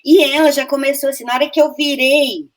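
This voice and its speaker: A Brazilian actress with a high, brisk voice tells stories in a relaxed interview. Her Brazilian Portuguese accent comes through as she animatedly acts out the lines she quotes, restarting often.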